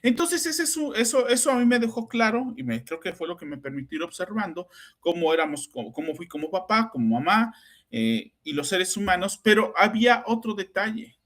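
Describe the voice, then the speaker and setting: Brisk and expressive, his high, somewhat bright voice carries anecdotes told in a casual storytelling style. He is a middle-aged Mexican psychoanalyst with a Mexican Spanish accent who hosts a podcast and often ends remarks with tag questions.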